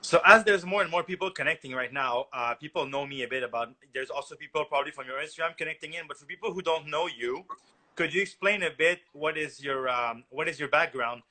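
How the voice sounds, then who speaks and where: A man hosting a casual podcast about wine, talking haltingly with many restarts and fillers. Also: on the high side, bright, forceful tone. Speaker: podcast host, wine enthusiast.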